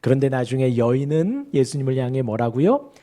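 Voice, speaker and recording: A man's voice: mid-range voice, a little fast. A male pastor preaching an expository sermon in a church, asking his congregation questions and leading them in reading aloud. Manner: animated, asks the congregation rhetorical questions. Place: church sanctuary.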